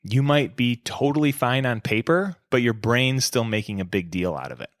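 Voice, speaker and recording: A man's voice: medium pitch, animated, normal speed, dry recording, studio quality. A man in his thirties hosting a podcast as a coach, talking in a candid, reflective, conversational way. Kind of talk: casual solo podcast talk.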